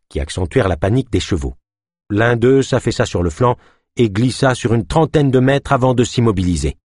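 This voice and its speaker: A man's voice: lowish voice, a little mellow, slightly rough, dry recording, clean studio sound. A man narrating an adventure story as an audiobook, reading expressively.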